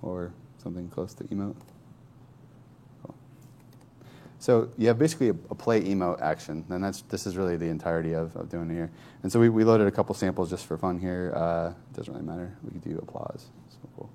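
A man casually demonstrating software on screen, thinking aloud in a loose, conversational way. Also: low-pitched, fairly quick. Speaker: software developer demoing a tool. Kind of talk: informal screen-share tech demo.

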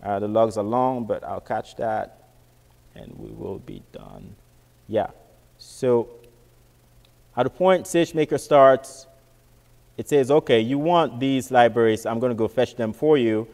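A man's voice: medium pitch, animated, unhurried, vocal fry, pauses often, darkish tone. Man, casual tech presenter, stop-start delivery, long reverb on the voice. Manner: casual, repeats words and restarts often. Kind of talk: technical walkthrough.

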